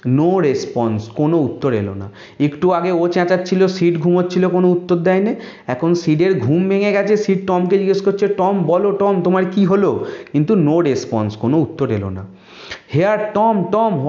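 A male English teacher with a slightly raised pitch who reads a story aloud line by line. He says each English line slowly and then explains it at length. The recording has a roomy echo and a dull, lo-fi sound. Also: darkish tone. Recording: echoey, dull lo-fi room recording.

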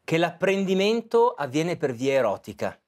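A man's voice: on the high side, big pitch swings, moderate pace, darkish tone. A man interviewing his guest, a psychologist asking careful, probing questions. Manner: attentive, asks probing questions. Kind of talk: interview conversation.

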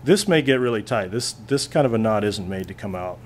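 At a classroom lab bench, a male physics teacher plainly talks through a hands-on demonstration, thinking out loud as he works. His voice is on the low side, expressive and fairly quick, with slight background noise.

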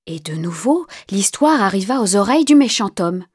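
A woman narrating a fairy tale in a calm, measured voice that sometimes drops to a hushed whisper. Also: medium pitch, breathy edge. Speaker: storyteller. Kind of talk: storybook narration. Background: faint music.

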